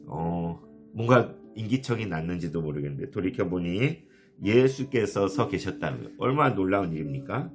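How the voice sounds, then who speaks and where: Male pastor, very low voice, earnest sermon with questions to listeners, guitar bed. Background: soft guitar music.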